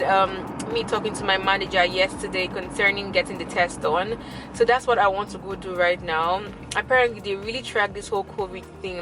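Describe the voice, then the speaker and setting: A woman's voice: mid-range voice, noisy background. A woman vlogger chatting casually to her viewers, with informal, emphatic and repetitive wording.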